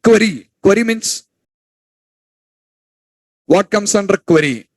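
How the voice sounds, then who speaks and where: A man lectures a classroom, his voice fairly high. He repeats key points and fires questions at the students, turning sharp when they mumble. The sound is dry and close. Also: expressive, takes it slowly, no room sound, poor audio. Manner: repetitive, quizzes students, scolds them for whispering. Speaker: teacher.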